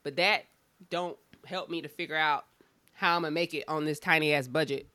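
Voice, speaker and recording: A woman's voice: deep voice, fairly even intonation, moderate pace, pushed and bright, no echo. A woman with a Southern US accent and drawl, talking bluntly and emphatically and swearing freely in a candid podcast chat. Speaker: schoolteacher.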